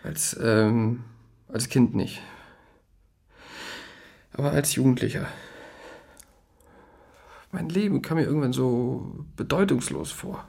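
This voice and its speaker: An actor with a warm, medium-pitched voice and some vocal fry plays a rattled, status-proud, neurotic young man in a radio play. He speaks haltingly and repeats himself, in a bleak, reflective mood.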